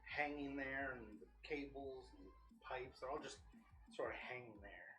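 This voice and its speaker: A man's voice: medium pitch, unhurried, background noise. A man narrating as game master in a casual, hesitant way with many fillers. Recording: echoey room, voice from far off.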